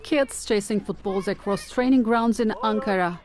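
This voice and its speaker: A woman delivering a field news report in a measured broadcast manner. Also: medium pitch, very noisy.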